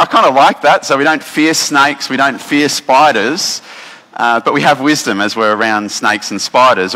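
Male Australian pastor, bright-toned, relaxed chatty sermon delivery, long church hall reverb. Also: mid-range voice. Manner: relaxed, chatty, many fillers and restarts. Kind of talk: casual sermon with instructions for children.

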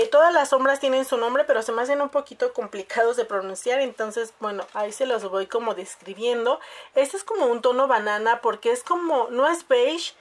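A woman, chatting casually through a makeup review and addressing viewers as "chicas". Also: on the high side. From Mexico. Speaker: beauty vlogger.

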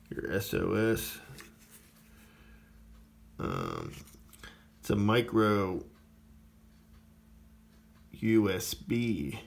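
Sitting at a table indoors, a man with a low, gravelly voice casually demonstrates a small radio for a review. He is plainspoken and rambling, with many fillers, and there is slight background noise.

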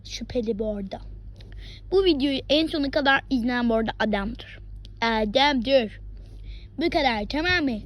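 A woman vlogging in a casual, rambling chat, sometimes dropping into hushed asides. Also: high voice, lively intonation, normal speed, long pauses.

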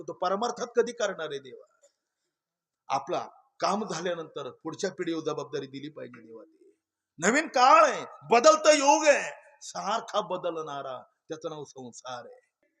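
A man preaching a kirtan sermon, telling stories and swinging between loud exclamations and hushed asides. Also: sits high. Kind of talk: Marathi kirtan sermon with storytelling.

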